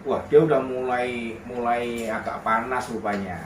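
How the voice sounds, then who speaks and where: A man telling a personal story in a lively way, slipping into broken English phrases. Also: mid-range voice, measured pace, slight background noise. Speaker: vlogger. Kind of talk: storytelling monologue. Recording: roomy sound, voice distant from mic.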